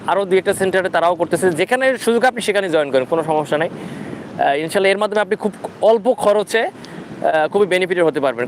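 Casting: Bangladeshi male, high-pitched voice, informal religious adviser speaking live outdoors, halting and instructive, over clear wind and rumble. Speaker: ruqyah practitioner hosting a live Q&A. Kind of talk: informal livestream talk with religious advice. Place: outdoors at a sea beach.

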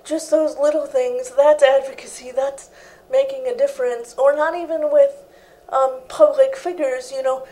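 A woman's voice: high voice, steady tone, moderate pace, warm tone, low-quality recording. A young woman guest in an interview, talking earnestly and steadily about her own life in a living room set, on a lapel mic. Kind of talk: interview answers.

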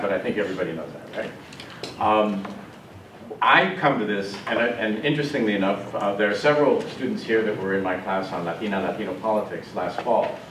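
A man, a course professor giving a measured, explanatory introduction to a class, with some fillers. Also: fairly low pitch. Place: university classroom with students. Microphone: far camera. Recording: echoey classroom, distant camera mic, faint noise.

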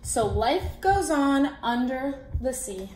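A high-voiced woman in her twenties reads a children's picture book aloud at a table in a small indoor room. She is expressive, deliberate and animated, posing questions to young listeners. The room echoes, and background noise with clicks can be heard.

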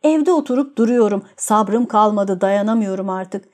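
A woman's voice: mid-range voice, normal speed, a little mellow, natural voice. A woman voicing a tormented, jealous young man who tells his story in a gloomy, brooding way.

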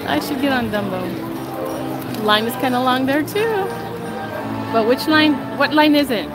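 A woman hosting a walking live stream in a crowded theme park speaks a little slowly in an animated, high-sitting voice. She laughs frequently and chats casually into her handheld phone, a touch nasal from a fading cold, while loud crowd noise and park music play around her.

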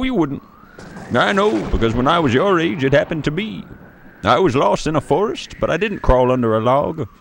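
A man's voice: on the high side, creaky, a little hiss or hum. A man playing an old grandfather who tells a spooky tale to a grandchild in a playful, dramatic way. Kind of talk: storybook read-aloud.

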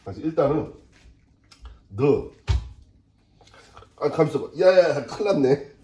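A man's voice: on the high side, animated, normal speed, dark tone, echoey room, slight background noise. A middle-aged man and father talking casually to himself while making kimchi at home, muttering and joking as he works. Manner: chatty, mutters and jokes to himself while working. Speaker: cooking vlogger. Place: home kitchen.

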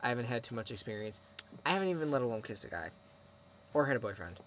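Teen guy rambling to his webcam, mid-pitched voice, faint hum behind. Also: sing-song, quick pace, fairly bright tone. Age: teens. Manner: chatty, rambling, answering viewer questions. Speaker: vlogger. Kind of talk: casual chat to camera.

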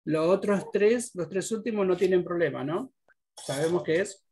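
A man's voice: sits high, moderate pace, a little mellow, a little hiss or hum. A man teaching an English class, patiently explaining pronunciation rules step by step. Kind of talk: online class instruction.

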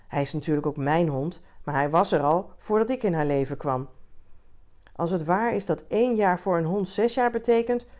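A woman's voice: fairly low pitch, darkish tone, natural voice. A woman reading as a rambling, grieving man. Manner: rambling, hesitant, heartfelt. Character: rambling grief-stricken man at a bar.

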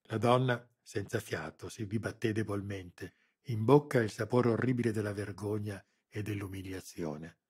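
Male audiobook narrator, husky, low, measured scripted narration. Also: darkish tone.

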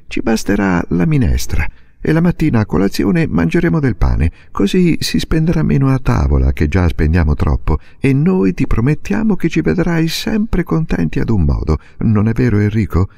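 Guy doing a determined little girl, pleading and insisting, raised pitch but still gravelly. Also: wildly swooping pitch, normal speed, hardly any pauses, warm tone, dry recording, studio quality, exaggerated voice. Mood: earnest pleading. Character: earnest, determined young girl, older sister.

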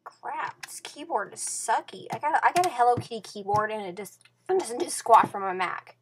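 With a fairly high, animated voice at a normal speed, a woman chats casually to her computer's webcam mic from her bedroom. She rambles, using lots of fillers and restarts, shifting between quiet mumbling and louder outbursts, with a little background noise audible.

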